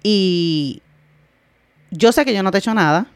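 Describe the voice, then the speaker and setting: A woman's voice: medium pitch, lively intonation, a little slow, clean tone, dry recording. A woman in her early forties co-hosting a podcast, talking firmly and emphatically in casual chat. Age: 40s. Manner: firm, emphatic, repeats points. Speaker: podcast co-host.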